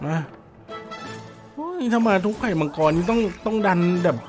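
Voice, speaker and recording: Hoarse Thai-accented man, slot streamer patter, excitable and chatty, slightly high, game music underneath. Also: moderate pace. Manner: chatty, excitable, addresses viewers directly. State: hoarse, dry voice. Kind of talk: casual live commentary on an online slot game.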